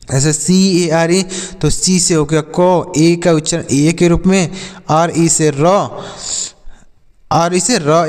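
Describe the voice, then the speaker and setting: A man's voice: on the high side, darkish tone, in a large hall. A man teaching English spelling and pronunciation, spelling words letter by letter, addressing children and answering his own questions. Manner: asks questions then answers them himself.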